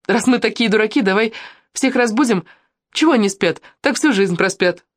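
A male reader putting on a teasing teenage girl, swooping high and low as she talks. Her voice sits raised and lively, caught dry and close on the mic with no room around it. She sounds eager and mischievous. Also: normal speed, no room sound. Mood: playful. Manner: teasing, excitable. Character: playful lovestruck teenage girl.

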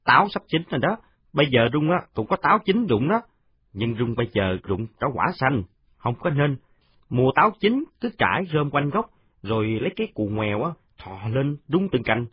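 A man's voice: mid-range voice, big pitch swings, normal speed, slightly rough, no echo, muffled recording, pitched above the performer's own voice. A man voicing a boastful, chatty ten-year-old boy in a storybook reading.

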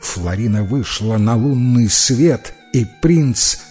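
A man narrates a fairy tale in a calm, expressive reading voice of medium pitch. The storybook narration flows steadily over a faint music bed. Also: slow pace. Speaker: audiobook reader.

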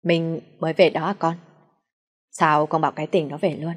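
A woman's voice: low-pitched, steady tone, moderate pace. A woman doing a cheerful welcoming father. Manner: friendly, chatty.

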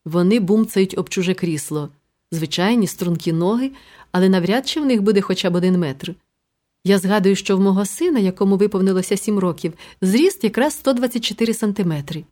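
A woman's voice: medium pitch, a little fast, warm tone. A woman narrating a novel in the first person, with a wry, ironic storytelling manner. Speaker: audiobook narrator.

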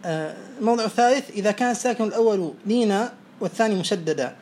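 A man teaching Arabic morphology, quizzing students and briskly praising each answer. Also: sits high, lively intonation, a little mellow. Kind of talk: oral quiz lesson. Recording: faint background noise.

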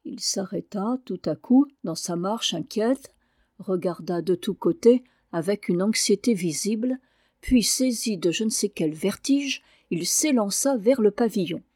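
Female audiobook reader, classic novel; steady expressive narration, medium pitch, dry sound. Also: unhurried, dry recording. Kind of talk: reading a classic novel aloud.

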